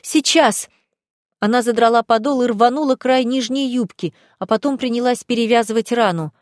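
A woman's voice: on the high side, fairly quick, a little mellow, no echo, studio quality. A woman reading a first-person story aloud in a dramatic, tense way. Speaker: audiobook reader. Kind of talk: first-person audiobook narration.

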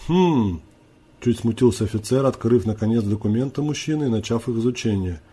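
A man reads a story aloud in an audiobook style. His voice is dark and mellow with a husky edge. He voices the dialogue by lifting his pitch. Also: fast. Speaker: narrator.

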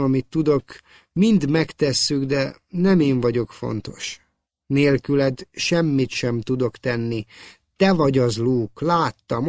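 A man's voice: mid-range voice, darkish tone, no room sound, clean studio sound, natural voice. A man voicing a young woman, a caring princess, with a pleading, emotional delivery in an audiobook reading.

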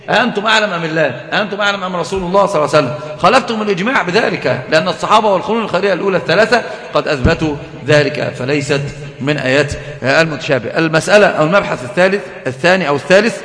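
An Islamic scholar with a high, slightly bright voice teaches a classical religious text at a brisk pace in a lecture. He is emphatic and keeps posing rhetorical questions, and the echoey hall gives the recording a long reverb.

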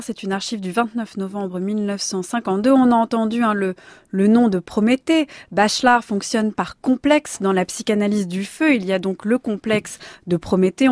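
A woman hosting a radio discussion, guiding it with clear explanations. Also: medium pitch, darkish tone, dry recording, clean studio sound. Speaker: radio host.

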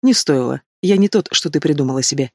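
Холодный, презрительный молодой бандит, которого озвучивает мужчина, аудиокнига. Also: male voice, fairly high pitch, expressive, fast, no room sound, clean studio sound. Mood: cold scorn. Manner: cold, contemptuous. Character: bitter young male henchman, cold and scornful.

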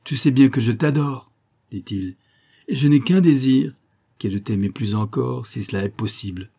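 A fond, persuasive older gentleman, voiced by a male audiobook reader close to his own register. He coaxes with smooth, soothing phrases. The timbre is dark and mellow. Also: mid-range voice, normal speed. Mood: tender. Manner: coaxing and persuasive. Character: older wealthy man, coaxing and fond.

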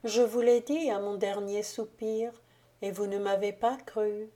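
Give me a solemn, melancholy ghost countess read by a woman, slow and dark-toned. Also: medium pitch, steady tone, natural voice. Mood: solemn, hushed. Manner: grave, solemn, hushed. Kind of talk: audiobook reading.

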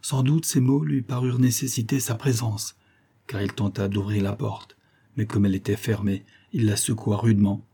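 A male audiobook narrator reads a classic novel at a steady, measured pace. His voice is low and dark, with a husky grain. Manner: steady, measured storytelling delivery.

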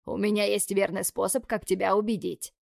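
A woman's voice: medium pitch, level tone, brisk, vocal fry, darkish tone, no echo. Cocky young guy, smug but tender, takes his time, as a woman reads him, dry sound. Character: young man, cocky affectionate fiancé.

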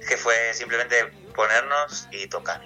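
A man's voice: mid-range voice, measured pace, bright, forceful tone, soft background music, poor audio. A man from Castilla-La Mancha, a singer being interviewed on radio, answering at length in a casual, rambling way with many restarts. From Castilla-La Mancha, Spain.

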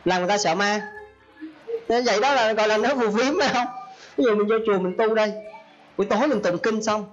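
A man's voice: high-pitched, fast talker, dull audio. A male Buddhist monk giving a folksy sermon, often acting out the people he quotes. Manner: folksy, acts out quoted speech. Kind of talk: Dharma talk sermon.

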